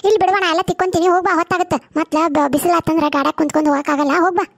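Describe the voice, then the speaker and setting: A woman voicing a sharp-tongued old mother-in-law in a cartoon, speaking. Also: extremely high pitch, fairly even intonation, racing, gravelly, no echo. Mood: bossy.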